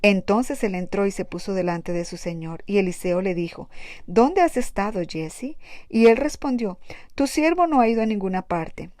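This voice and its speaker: Woman, Bible reader, mid pitch, dry close mic, steady plain delivery. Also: no room sound. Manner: plain steady reading with small restarts. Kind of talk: Bible reading aloud.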